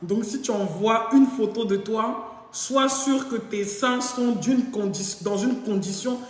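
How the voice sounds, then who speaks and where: A woman's voice: a little high, slow. A woman hosting a live stream, telling a story in a casual, jokey way and acting out both sides of the conversation. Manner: animated, jokey, acts out both sides of dialogue. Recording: very echoey room with long reverb.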